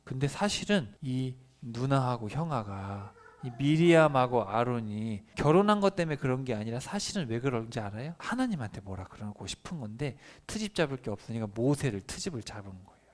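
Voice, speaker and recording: A man's voice: medium pitch, brisk, few pauses. Man pastor telling a children's sermon. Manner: lively, asks children questions.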